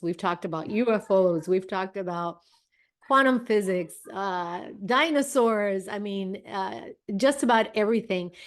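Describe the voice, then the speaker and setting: Female talk host, mid-pitched, chatty and effusive, loose with fillers. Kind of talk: casual interview introduction.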